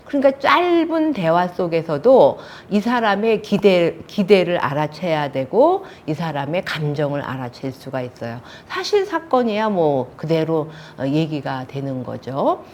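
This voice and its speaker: A woman's voice: low voice, sing-song, a little slow, few pauses, darkish tone, a little hiss or hum. A woman in her sixties teaching a counseling class, telling stories and acting out the quoted lines. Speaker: counseling instructor. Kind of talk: lecture on counseling technique.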